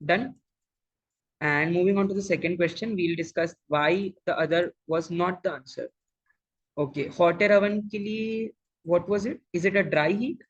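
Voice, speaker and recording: A mid-pitched exam coach of unclear sex with an Indian accent, teaching interactively online, mixing English with Hindi, repeating phrases and often checking that students follow. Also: moderate pace, husky, dull audio. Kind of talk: interactive lecture, quizzing students. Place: live online class over video call.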